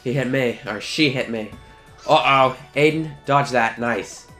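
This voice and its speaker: A man's voice: mid-range voice, measured pace, fairly bright tone. A man giving casual, sweary video game commentary, talking to the characters as he plays. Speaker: let's play host. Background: game music.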